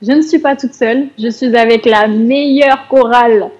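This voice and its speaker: A woman's voice: fairly high pitch, steady tone, moderate pace, darkish tone. A woman hosting a church event from a remote live link. The link has a delay, and she laughs often while she interviews people. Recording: dull lo-fi remote feed.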